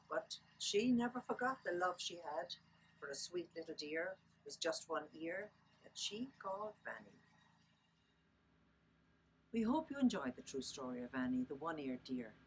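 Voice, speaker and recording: A woman with an Irish accent reads aloud as a children's storyteller. Her lilting voice sits a little low and swings widely in pitch, with dramatic, drawn-out words. There is some faint noise behind her. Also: a bit bright, poor audio. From Ireland.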